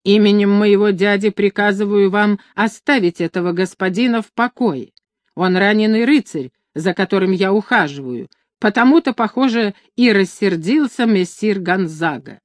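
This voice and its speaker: A woman's voice: mid-range voice, moderate pace, dry recording, close to an everyday voice. A woman reading an audiobook, voicing a proud young noble lady who speaks ardently and commandingly.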